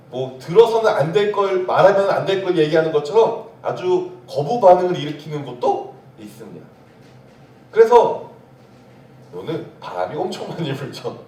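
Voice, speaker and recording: High-voiced man preaching in an echoey church. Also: animated, normal speed, warm tone, distant mic. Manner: asks the congregation questions and answers them himself. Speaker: pastor. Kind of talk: sermon. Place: church sanctuary.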